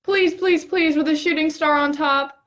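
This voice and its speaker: A woman's voice: sits high, fairly even intonation, normal speed, a bit bright. A young woman acting a playful, curious stargazer in a stage play reading, teasing and eager. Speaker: actor in a rehearsed play reading.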